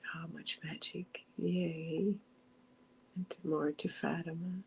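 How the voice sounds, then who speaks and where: A woman's voice: fairly low pitch, flat delivery, slow, vocal fry, slight background noise. A middle-aged woman hosting a meditation group livestream, chatting casually and wandering between thoughts. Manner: chatty, meandering, with frequent restarts and soft asides. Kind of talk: casual chat, reading viewer comments aloud.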